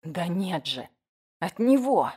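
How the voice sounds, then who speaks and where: Woman narrator voices a panicky, pleading frightened woman; audiobook, low-ish pitch. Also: big pitch swings, takes it slowly, a little mellow, husky, exaggerated voice. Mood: scared. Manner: whining, anxious, breathless. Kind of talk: audiobook reading.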